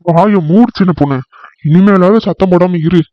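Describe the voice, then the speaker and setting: A tired village husband in a cartoon, voiced by a man, who scolds with weary exasperation. His voice stays fairly high for a man. The sound is dry and dull. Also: normal speed, no room sound, natural voice.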